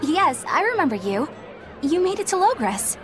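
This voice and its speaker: An actress playing a gentle, polite young female traveller in a video game. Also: extremely high pitch, very animated, a little slow, music in the background, a crowd in the background, heavily acted. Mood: kind, encouraging.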